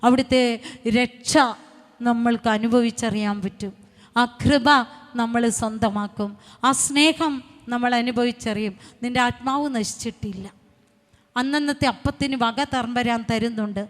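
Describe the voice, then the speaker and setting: A woman preacher giving a fervent sermon and testimony, speaking in short repeated phrases that build to loud exhortation. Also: a little high, a little slow. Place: retreat centre hall. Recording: long hall reverb.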